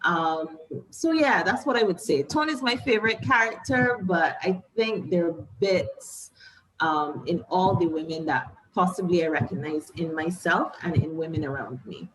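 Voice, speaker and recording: A woman's voice: lowish voice, normal speed, slight background noise, rough recording. A woman from Barbados with a Bajan accent, answering interview questions as a novelist in a reflective, explanatory, conversational way.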